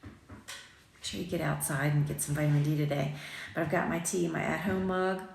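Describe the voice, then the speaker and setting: A boutique owner in her forties, slightly raspy from waking up, vlogs over morning tea, filming on a phone at arm's length in her sunny home kitchen. She speaks at normal speed in a deep voice with fairly even intonation, chatty, rambling, and self-deprecating with frequent ums. The echoey kitchen recording carries a little hiss or hum.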